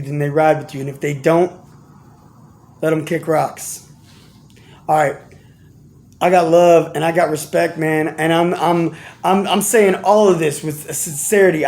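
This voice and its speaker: A man with a high-pitched voice delivers a casual motivational monologue straight to his audience. His speech is slangy, repetitive and full of restarts. He shifts between lively, animated bursts and low, quiet asides. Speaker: vlogger giving life and business advice.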